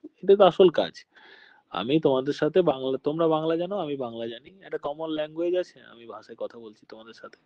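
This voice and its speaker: A man's voice: fairly high pitch, fairly quick, no echo. Man teaching a class, muffled and dry. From Birbhum, West Bengal. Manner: patient explaining, often checks the class understands. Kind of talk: classroom lecture.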